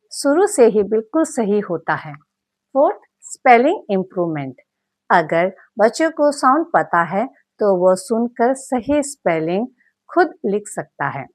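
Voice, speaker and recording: A woman narrating a scripted phonics lesson, slowly spelling out sounds and syllables and mixing in English words. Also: medium pitch, dry recording, clean studio sound. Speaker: phonics teacher.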